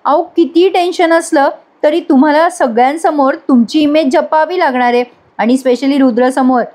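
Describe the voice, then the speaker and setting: A composed, calculating woman who soothes her angry brother and then firmly tells him how to behave, as a woman narrator reads her part. Her voice is a little high. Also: moderate pace, a little mellow, close to an everyday voice. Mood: soothing. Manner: placating, then firmly advising. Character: composed, calculating sister of a villain.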